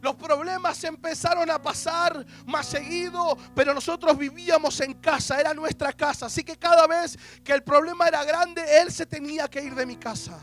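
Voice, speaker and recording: High-voiced young preacher. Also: male voice, steady tone, moderate pace, few pauses, fairly bright tone, faint music behind. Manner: emotional storytelling with quoted dialogue. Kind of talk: testimony sermon.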